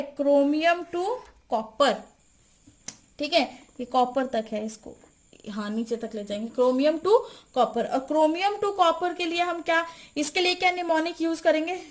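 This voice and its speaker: A woman teaching a chemistry lecture, repeating mnemonics and quizzing the listener. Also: sits high. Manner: repeats and quizzes the listener, slow deliberate spelling-out.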